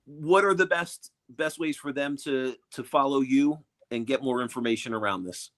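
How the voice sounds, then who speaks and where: A man's voice: medium pitch, moderate pace, fairly bright tone. A man co-hosting a podcast, upbeat as he asks questions and thanks his guest. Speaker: podcast co-host. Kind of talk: casual interview.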